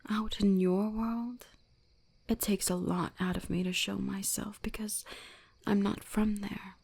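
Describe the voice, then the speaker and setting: Voicing a gently dominant, possessive, ancient kitsune shrine spirit for intimate ASMR roleplay, a woman speaks in a breathy, frequently whispered, soothing but commanding tone. Her mid-range voice is level and unhurried, and the mood is tender and coaxing.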